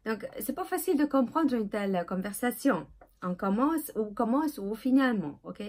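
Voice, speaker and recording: A woman's voice: on the high side, big pitch swings, moderate pace, darkish tone. A woman teacher giving a casual video lesson, hesitant with fillers and checking in with "ok?" after nearly every phrase. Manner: hesitant, with many filler sounds. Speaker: English teacher.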